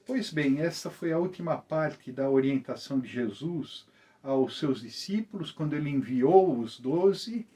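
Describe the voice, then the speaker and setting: A man leading a Bible study, reading scripture and explaining it slowly with hesitant fillers. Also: a little high, a little mellow. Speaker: preacher. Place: small group gathering.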